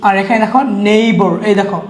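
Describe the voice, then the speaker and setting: A woman teaching English pronunciation, repeating each word several times and quizzing her listeners. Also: medium pitch. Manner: patient, drawn-out spelling of letters. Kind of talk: classroom-style phonics lesson. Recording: echoey room.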